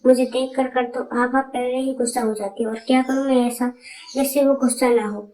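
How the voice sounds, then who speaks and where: A gentle, heartbroken young woman, voiced by a woman pleads softly in a storybook reading. Her voice is a little high and even, with little rise and fall. The sound is roomy and picked up from a distance. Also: a little fast, close to an everyday voice. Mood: sad. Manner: pleading and sorrowful.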